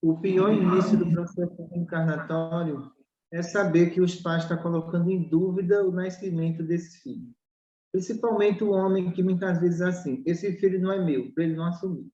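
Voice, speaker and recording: A woman's voice: lowish voice, fairly even intonation, moderate pace, warm tone. A woman with a Brazilian Portuguese accent, a spiritual doctor explaining her teaching emphatically, acting out little dialogues and asking rhetorical questions. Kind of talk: explanatory talk in a spiritual study podcast. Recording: roomy, dull lo-fi recording.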